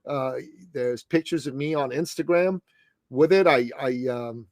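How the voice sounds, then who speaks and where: In a dry recording, a mid-range male voice moves at a measured pace. He's a success coach from the Middle East in his late fifties, giving a punchy, emphatic podcast interview and addressing the host as "brother" and "man."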